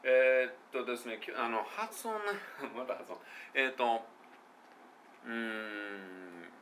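Bright-voiced Kansai man teaching pronunciation. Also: mid-range voice, slight background noise. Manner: relaxed, thinks aloud with many fillers, demonstrates English phrases slowly. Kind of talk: casual spoken lesson.

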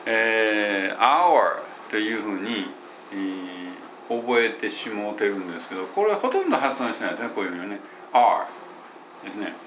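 A man who teaches English pronunciation, chatting loosely in an audio diary with many fillers and self-corrections, and slowing down to demonstrate English phrases. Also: fairly low pitch, animated, a bit bright, slight background noise. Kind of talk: casual spoken audio diary.

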